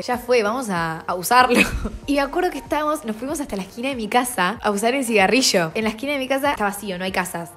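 A young woman with a Rioplatense Argentine accent telling a storytime in an animated, slangy way, laughing often. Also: mid-range voice. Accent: Rioplatense Spanish. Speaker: vlogger. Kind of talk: casual storytime.

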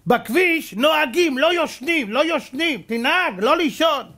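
A man voicing a rude male driver who scolds him through his car window, shouting and mocking. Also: very high-pitched, lively intonation, pitched above the performer's own voice, heavily acted. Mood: mocking yell.

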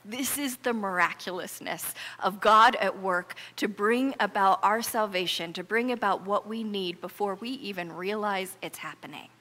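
In a reverberant church hall, a middle-aged American woman pastor addresses her congregation from the sanctuary. Her mid-range voice sounds pushed and bright, and she preaches with earnest emphasis in a conversational, storytelling style.

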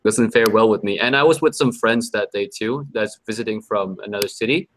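A low-voiced man chats casually on a livestream. He sounds easygoing and uses a lot of slang. He giggles between remarks. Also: brisk, fairly bright tone. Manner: laid-back, giggly, slangy. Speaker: livestream co-host. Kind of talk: casual chat.

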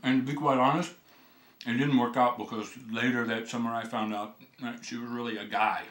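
A man's voice: medium pitch, level tone, brisk, fairly bright tone. A man in a comedic scene, talking in a hesitant, rambling way and breaking into silly sung lines. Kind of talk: rambling comic monologue. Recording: echoey room with faint noise.

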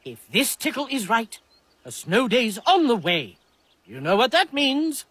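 A woman's voice: on the high side, very animated, unhurried. A woman voicing a jolly, portly railway boss in a cartoon, talking cheerfully with authority. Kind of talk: cartoon voice acting. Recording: cartoon audio with music.

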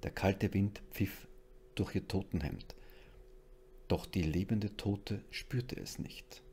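A man reading a horror audiobook aloud in a measured, suspenseful narration. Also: fairly low pitch, warm tone, slightly rough. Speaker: audiobook reader.

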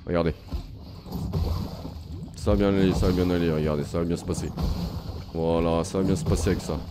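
A man's voice: low-pitched, fairly even intonation, a little fast, noisy background. A man giving casual let's-play commentary, chatting to viewers and taunting enemies as he plays. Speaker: gaming youtuber.

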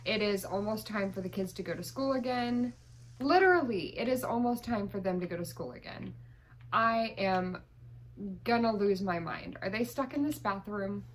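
A woman's voice: mid-range voice, expressive, normal speed, poor audio. A woman giving chatty, exasperated commentary while playing a life-simulation game. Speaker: gaming YouTuber. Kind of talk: gameplay commentary.

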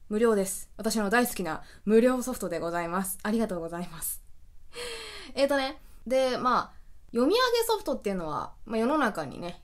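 Lively-voiced woman hosting casual web radio. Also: fairly high pitch. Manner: chatty explaining, frequent laughs. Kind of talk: casual solo radio chat.

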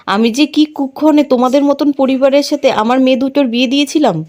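A woman voicing a bitter, scolding middle-aged mother in a story recap, in her own high voice. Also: steady tone, fast talker, a little mellow, natural voice. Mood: scornful. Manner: scornful, accusing.

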